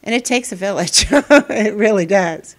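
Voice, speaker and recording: A woman's voice: medium pitch, expressive, measured pace. A middle-aged woman, a school principal, answering interview questions with many fillers and restarts. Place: indoor school hallway.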